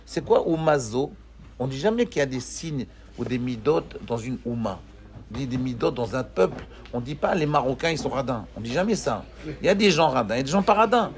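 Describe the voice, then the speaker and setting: A man teaching a Torah class, animated, asking his students questions and joking with them. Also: mid-range voice, a little fast, slight background noise.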